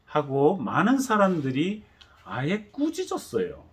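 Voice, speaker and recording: A pastor preaching a sermon, telling the story animatedly and acting out the voices. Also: male voice, on the high side, huge pitch swings, a little slow, slightly rough.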